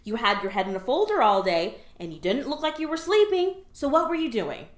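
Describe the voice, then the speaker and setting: In a comedic audio drama, a woman plays a sarcastic, weary alien office worker who scolds and trains her lazy new coworker, sounding exasperated. Her voice is a little high, sing-song and brisk, and the recording has a roomy echo.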